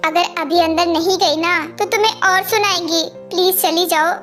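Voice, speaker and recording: A woman's voice: very high voice, fairly even intonation, moderate pace, a bit bright, soft background music. A woman dubbing a caring, protective young man who soothes and pleads. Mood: soothing. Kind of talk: amateur fan dub.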